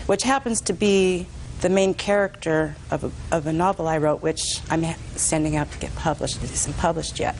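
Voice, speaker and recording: A woman with a slightly low voice explains her case as a courtroom plaintiff. She sounds hesitant and a little nervous, with faint noise behind her. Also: normal speed, darkish tone, low-quality recording.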